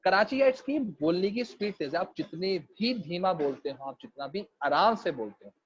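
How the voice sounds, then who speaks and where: A high-voiced man from Pakistan with a Karachi Urdu accent gives an online class lecture. He jokes, mixes English into his Urdu, and keeps tagging fillers onto his sentences. The audio is dull and lo-fi. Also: lively intonation, moderate pace, a little hiss or hum. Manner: repeats fillers. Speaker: teacher.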